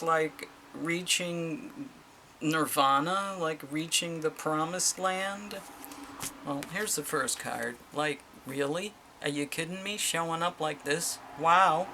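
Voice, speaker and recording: Gravelly chatty tarot reader, a woman. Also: low-pitched, sharp tone, a little hiss or hum. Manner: chatty, exclamatory, reading card meanings aloud. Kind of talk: casual tarot reading.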